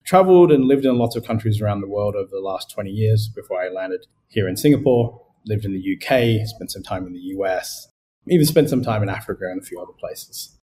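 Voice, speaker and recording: A man with a fairly low voice who grew up in Australia, speaking as a podcast guest. He talks in a relaxed, conversational way, pausing on fillers as he works through his thoughts. A faint hiss of noise sits behind him. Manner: conversational, thinking aloud with fillers. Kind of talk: podcast interview.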